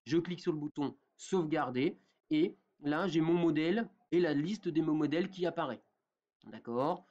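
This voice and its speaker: A man giving a step-by-step software tutorial, with many fillers and a habit of asking "d'accord?" after each step. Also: fairly high pitch, moderate pace, lo-fi sound. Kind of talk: screen-recorded software tutorial.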